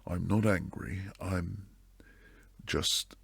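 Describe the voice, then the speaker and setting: A man performs a protective bodyguard boyfriend in intimate ASMR, using a full character voice that's very deep, low, gravelly and breathy. He talks slowly and lapses into hushed whispers, stern and tired but tender underneath. The close, dry mic picks up no room sound.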